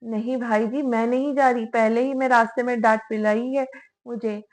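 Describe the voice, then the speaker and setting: A woman's voice: a little high, fairly even intonation, normal speed, lightly acted. A woman reading the lines of a light, playful young sister-in-law in a romance audiobook.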